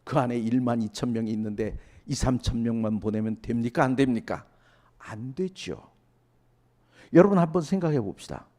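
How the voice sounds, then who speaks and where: Pastor preaching with call-and-response questions. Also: male voice, medium pitch, normal speed. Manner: asks the congregation questions and answers them himself; swings from loud emphatic lines to hushed asides. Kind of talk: sermon.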